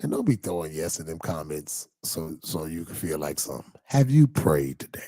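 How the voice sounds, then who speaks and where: A pastor from Detroit preaches in a low, husky voice with a Detroit accent. His tone is dark and mellow, and his words sound dry and close. When he is stirred, his voice climbs into high, excited calls. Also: normal speed, no room sound. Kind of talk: conversational sermon. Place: church in Detroit.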